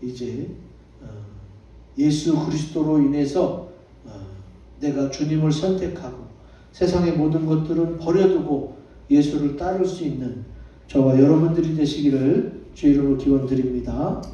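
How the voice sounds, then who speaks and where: A man's voice: on the high side, moderate pace, warm tone, highs cut off. A male pastor preaching a sermon, who keeps asking the congregation questions and answering them himself. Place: church sanctuary. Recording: echoey church hall, distant mic.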